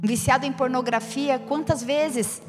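A woman's voice: sits high, steady tone, moderate pace. A woman in her forties preaching a sermon, earnest and often asking the listeners direct questions. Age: 40s. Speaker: pastor. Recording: long hall reverb with guitar music behind.

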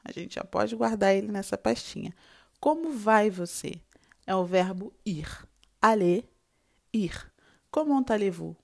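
A woman's voice: mid-range voice, unhurried, vocal fry. A Brazilian woman with a Brazilian Portuguese accent, teaching a French lesson, explaining patiently, recapping and modeling short dialogue lines. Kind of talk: online language lesson.

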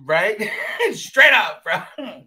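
A man's voice: high voice, drawn-out words, over a noisy crowd. A man hosting a casual podcast, telling a profane story with lots of slang and mock voices. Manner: animated, profane, slips into mock voices and accents. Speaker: podcast host.

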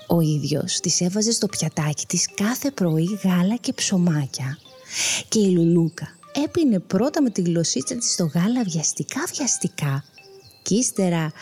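A woman narrating a children's bedtime story, gentle and expressive, sometimes dropping to a whisper. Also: lowish voice.

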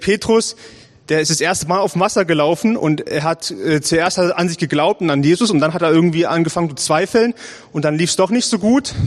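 A man giving a casual, conversational sermon from a church stage, speaking to the congregation. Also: sits high. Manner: casual, conversational preaching with frequent "hey" and "ja". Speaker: lay preacher. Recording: long hall reverb.

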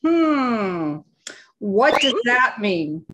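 A woman co-hosting a live podcast, giving unscripted opinions in a halting, deliberate way as she searches for words. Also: on the high side, sing-song, a bit bright, muffled recording. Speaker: live show and podcast co-host.

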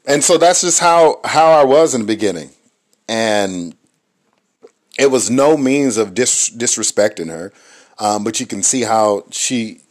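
Male co-host, low-ish voice, thoughtful and halting, lots of filler words. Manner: thoughtful, hesitant with many ums and restarts. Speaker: married co-host. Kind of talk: reflective casual talk.

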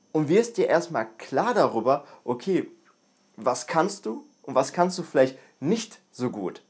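A man's voice: mid-range voice, a little mellow, husky. Young male podcast host, earnest and plain-spoken, loops phrases for emphasis while coaching listeners. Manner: earnest, repeats words for emphasis. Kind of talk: casual self-improvement monologue.

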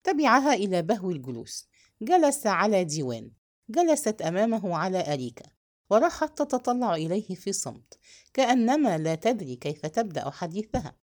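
A woman narrating a novel as an audiobook, reading in an expressive, measured storytelling manner. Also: mid-range voice.

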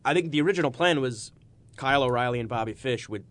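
A man's voice: medium pitch, fast talker, fairly bright tone. A man hosting a podcast with casual, enthusiastic and emphatic sports talk. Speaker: podcast host.

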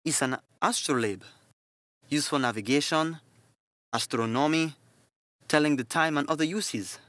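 A man voicing a calm, devout middle-aged nun who speaks with gentle, motherly earnestness. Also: on the high side, measured pace, no room sound. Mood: earnest.

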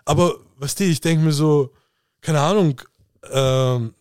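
A young man talks casually and reflectively on a podcast, with a laid-back, slangy manner. His voice sits a little high for a man. The recording is dry and close. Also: unhurried, darkish tone, clean tone, dry recording. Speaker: podcast co-host. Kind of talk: casual chat.

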